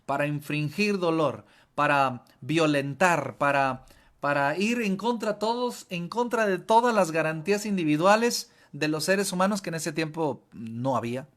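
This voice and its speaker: A Mexican man with a high-pitched voice delivers a sermon from the pulpit. He preaches with passion, hammering phrases through repetition and stumbling into restarts as he builds each point. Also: measured pace, fairly bright tone. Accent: Mexican Spanish. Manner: impassioned, repetitive emphasis, frequent restarts. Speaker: pastor. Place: church.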